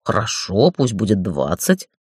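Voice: sits low, huge pitch swings, unhurried, husky, dry recording, clean studio sound, voice pushed down, heavily acted. A narrator voicing a crude, foul-mouthed middle-aged male boss who bullies and mocks in an audiobook. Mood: wheedling. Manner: bullying, swearing, mocking. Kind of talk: audiobook character voice.

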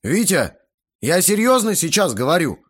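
A man voicing a red-faced, indignant fat middle-aged uncle who shouts and sputters, in an audiobook. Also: high-pitched, very animated, moderate pace, breathy edge, pitched above the performer's own voice, heavily acted. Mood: indignant shouting.

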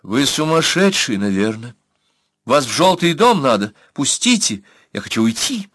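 Man playing a young noblewoman, sharp, indignant, high voice, loud. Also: very animated, moderate pace, no room sound, studio quality. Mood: scornful.

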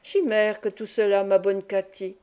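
A woman's voice: mid-range voice, flat delivery, moderate pace, a little mellow, smooth, close to an everyday voice. A woman reading the part of an earnest young actor in love, in a dreamy, eager manner, for an audiobook. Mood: ardent.

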